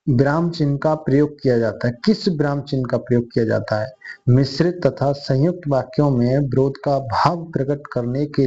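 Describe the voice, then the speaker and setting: A man's voice: mid-range voice, mellow, lo-fi sound. A man teaching an online quiz lesson, addressing viewers as friends and repeating each answer.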